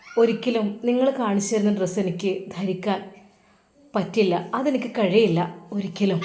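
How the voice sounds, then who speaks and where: A woman's voice: medium pitch, moderate pace, warm tone, roomy sound, natural voice. Woman voicing a firm young wife. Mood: quiet resolve. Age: 20s. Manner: firm, insistent.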